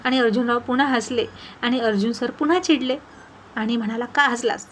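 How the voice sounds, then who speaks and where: A woman storyteller doing scripted story narration with an expressive manner. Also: a little high, a little fast, a little hiss or hum.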